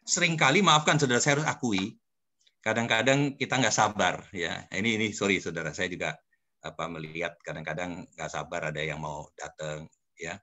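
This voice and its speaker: An older Indonesian pastor teaches a church study group, telling personal stories and often speaking straight to his listeners, whom he calls "Saudara." His low voice holds a steady, sharp tone at a moderate pace.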